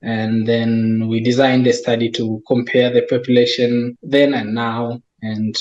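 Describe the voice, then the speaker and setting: Slow-spoken Tanzanian man, thoughtful. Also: medium pitch, flat delivery, darkish tone, muffled recording. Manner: slow and thoughtful, with frequent restarts. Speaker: wildlife research coordinator. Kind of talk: conversational interview.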